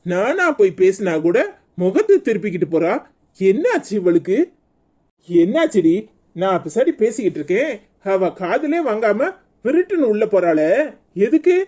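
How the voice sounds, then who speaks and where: A woman's voice: medium pitch, sing-song, moderate pace, pauses often, warm tone. A woman playing an indignant cartoon husband. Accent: Kanyakumari Tamil. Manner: complaining, defensive. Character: middle-aged husband, indignant and proud. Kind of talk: cartoon voice acting.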